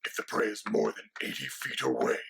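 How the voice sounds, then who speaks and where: A man voicing a menacing, haughty male dragon who co-hosts the show, speaking in a gravelly, rasping half-whisper with a sinister, theatrical manner. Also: fairly low pitch, expressive, a little fast, a bit bright, full character voice. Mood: instructive. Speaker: co-host.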